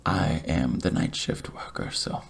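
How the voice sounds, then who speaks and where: An ASMR creator plays a courteous night-shift barber, offering gentle, unhurried reassurance. His deep, gravelly, creaky voice is breathy and hushed, often sinking into a half-whisper as he speaks slowly.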